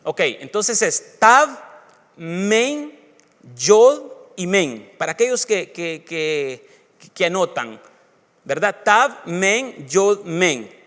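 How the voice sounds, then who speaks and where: Man, pastor, sermon, high voice, emphatic scripture reading, long church reverb. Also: sing-song, very slow, fairly bright tone. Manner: preaching with Bible readings, rising to emphatic bursts.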